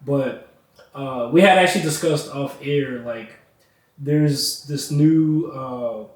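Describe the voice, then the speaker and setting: A man's voice: mid-range voice, slow. A young man hosting a casual podcast chat, laid-back, with lots of fillers and laughs. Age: young adult. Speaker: podcast host. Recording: echoey room, mic at a distance.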